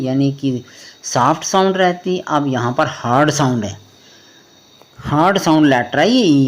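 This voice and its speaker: A man teaching a pronunciation lesson, spelling words out letter by letter and often checking whether it is clear. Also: fairly high pitch. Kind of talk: spoken classroom lesson.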